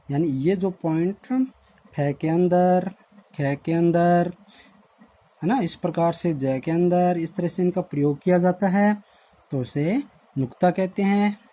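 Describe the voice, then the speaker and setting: A man teaching a lesson to schoolchildren in a recorded online class, explaining word meanings slowly and repeating himself. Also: sits high, warm tone. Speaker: Hindi teacher.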